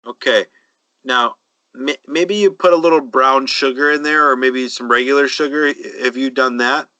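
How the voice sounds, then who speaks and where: A man's voice: medium pitch, sharp tone, dry recording, rough recording. A man, co-hosting a casual chat and confidently handing out cooking advice. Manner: confident, advice-giving, drawn-out emphasis. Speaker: podcast co-host.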